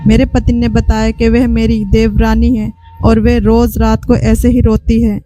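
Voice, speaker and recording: A woman narrating an emotional first-person story in a calm, measured way. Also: on the high side, faint music behind.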